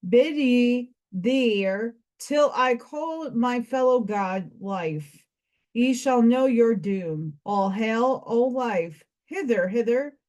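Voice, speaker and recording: A solemn male spirit of death who warns intruders in a stern, ceremonial tone, voiced by a woman reading aloud. He speaks slowly and deliberately. The delivery stays close to an everyday reading voice. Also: a little high, expressive, darkish tone.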